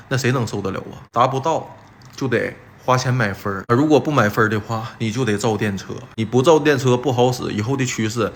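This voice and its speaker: A man's voice: medium pitch, fairly bright tone, slight background noise. A man giving casual, blunt and slangy news commentary, addressing listeners like buddies and repeating himself for emphasis.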